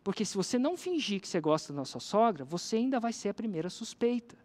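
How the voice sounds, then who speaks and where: A storyteller with a Brazilian accent voicing a sly, scheming doctor who explains his plan calmly. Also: mid-range voice, fast, close to an everyday voice. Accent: Brazilian Portuguese.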